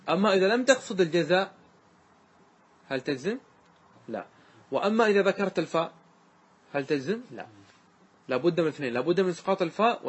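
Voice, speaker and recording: A man's voice: fairly high pitch, slightly rough. A man, a sheikh giving a classroom grammar lesson, explaining step by step, repeating examples and quizzing his students.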